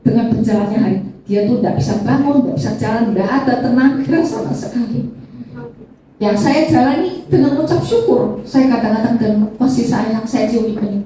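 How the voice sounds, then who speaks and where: A woman's voice: brisk, warm tone, a little hiss or hum. Woman giving a tearful church testimony. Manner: addresses listeners as "saudara", acts out tearful prayers in a high voice. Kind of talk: emotional testimony sermon. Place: church hall. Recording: echoey church hall, distant mic, faint ambience.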